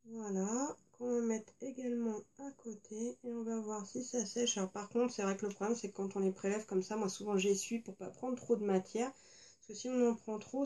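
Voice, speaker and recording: A woman's voice: mid-range voice, darkish tone. A woman beauty vlogger chatting frankly about her makeup purchases, with many fillers. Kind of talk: casual chat.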